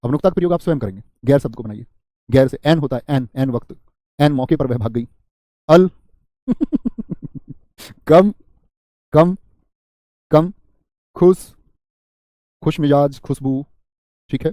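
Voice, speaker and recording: Man teaching an online grammar class, drills word lists, mellow and dark voice, dry close sound. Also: medium pitch, no room sound. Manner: drills word lists, quizzes students, reads chat comments, jokes. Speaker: exam prep teacher.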